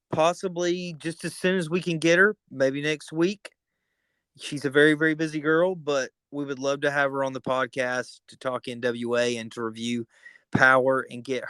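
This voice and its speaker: A man's voice: a little high, a bit bright, clean tone, no room sound. A man co-hosting a podcast in casual, joking chat and laughing often. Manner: jokey, laughs often, teasing. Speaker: podcast co-host.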